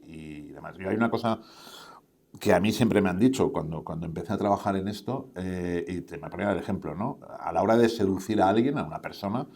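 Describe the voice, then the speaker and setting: A man's voice: low voice, a little mellow. A man speaking on a conference panel, answering questions in a rambling way with many fillers and tag questions. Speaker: panel speaker on podcasting and advertising. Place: conference stage.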